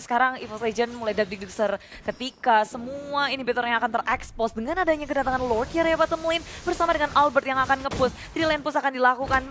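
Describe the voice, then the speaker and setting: A woman with an Indonesian accent giving energetic game announcer commentary and analysis as an esports co-caster. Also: sits high, a little hiss or hum.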